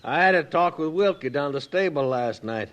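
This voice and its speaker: This actor's frontier lawman, heard in a noisy old recording of a 1950s western radio drama, comes across as self-assured, conciliatory, folksy and persuasive. The voice is fairly high, expressive, a bit bright and a little fast.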